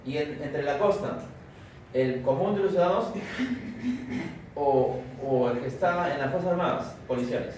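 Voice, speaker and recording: A man's voice: fairly high pitch, moderate pace, long pauses, darkish tone. Peruvian man lecturing in an echoey classroom. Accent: Peruvian Spanish. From Peru. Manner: checks in constantly with "¿cierto?" and "¿estamos?". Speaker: physiology lecturer. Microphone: distant camera mic. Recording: echoey, far from the mic, noisy room.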